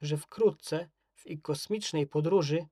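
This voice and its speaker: Even-toned children's story narrator. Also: mid-range voice, slow, dry recording, studio quality.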